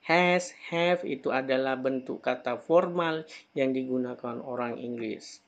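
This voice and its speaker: A middle-aged man with a mid-range voice teaches English from slides at an unhurried pace. He calls out English example words with extra stress. The recording has a lo-fi quality.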